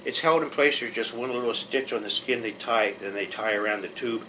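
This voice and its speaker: Plainspoken man with a bright, forceful voice. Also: medium pitch, fairly quick, a little hiss or hum, low-quality recording. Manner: plainspoken, reassuring, repeats and restarts. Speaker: patient educator. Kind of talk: pre-surgery class explanation.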